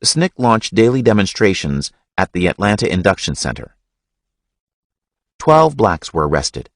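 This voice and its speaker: Lively low-voiced male audiobook narrator. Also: measured pace, no echo, studio quality. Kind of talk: scripted history narration.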